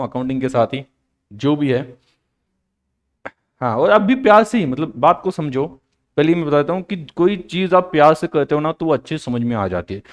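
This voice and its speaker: A man teaching accounts in a live online lecture, playful and joking, with English phrases mixed in. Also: a little high.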